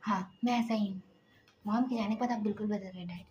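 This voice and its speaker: A woman voicing a headstrong young female army trainee, cheeky at times and tearful and hushed at others, over a noisy hiss. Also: fairly high pitch, fairly even intonation, normal speed, muffled recording, lightly acted.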